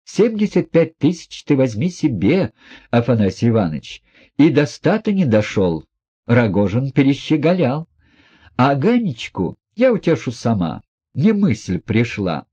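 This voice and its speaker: A man's voice: medium pitch, very animated, unhurried, warm tone, breathy edge, pitched above the performer's own voice. A man reading an audiobook, voicing a proud, reckless young woman who talks in a mocking, defiant way. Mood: defiant scornful.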